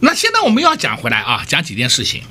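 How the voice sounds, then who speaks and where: A man's voice: fairly high pitch, huge pitch swings, fast, sharp tone, husky. A man hosting a radio stock market show, talking emphatically and firing rhetorical questions at listeners. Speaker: stock market analyst host.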